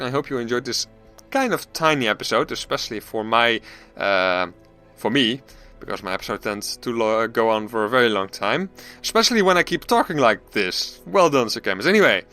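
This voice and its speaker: Lively, bright-voiced man thinking aloud. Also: mid-range voice. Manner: thinking aloud, self-deprecating, frequent restarts. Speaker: gaming channel host. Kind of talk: let's play commentary.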